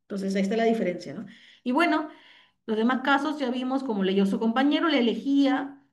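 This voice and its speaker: Woman teacher, fairly high voice, patient explainer who keeps tagging questions, heard over a video call. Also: lively intonation, a little fast. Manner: explanatory, frequent tag questions. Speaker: literature teacher. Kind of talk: online class explanation.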